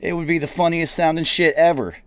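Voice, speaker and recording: A man's voice: on the high side, fairly even intonation, brisk, smooth, no room sound. A middle-aged man with a West Virginia mountain accent chats casually as a host, in a slangy, profane, self-deprecating way. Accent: Appalachian West Virginia mountain accent. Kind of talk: casual chat.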